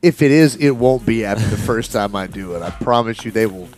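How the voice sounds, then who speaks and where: A man's voice: on the low side, expressive, fairly quick, darkish tone, faint music behind. A man co-hosting a casual sports podcast, joking in a self-deprecating way. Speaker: podcast co-host.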